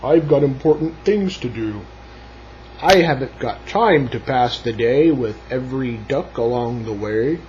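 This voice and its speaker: A man voicing a big, self-important male dump truck in a storybook, loud and blustering. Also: medium pitch, lively intonation, unhurried, muffled recording, slight background noise, close to an everyday voice.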